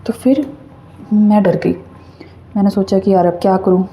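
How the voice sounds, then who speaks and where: A woman's voice: medium pitch, moderate pace. A young woman casually telling a personal childhood story to her viewers, chatty and full of fillers. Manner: chatty, animated retelling with many fillers. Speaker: storyteller vlogger.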